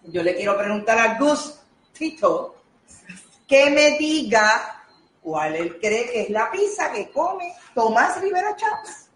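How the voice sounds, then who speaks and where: A woman hosting a casual radio chat, teasing her guests with quick asides and joking apologies. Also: fairly high pitch, big pitch swings. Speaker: radio host. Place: station kitchen. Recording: roomy echo, faint background noise.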